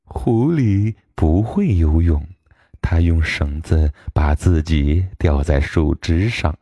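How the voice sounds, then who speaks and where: Slow expressive male storyteller, very deep. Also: slightly rough, no room sound, clean studio sound. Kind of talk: children's story reading.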